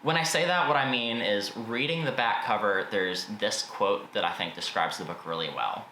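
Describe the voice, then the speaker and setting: This man from the United States reviews a book on video, keeping things casual, opinionated and lightly profane. His voice sits on the low side with a sharp tone at a moderate pace, captured with faint background noise and a roomy echo.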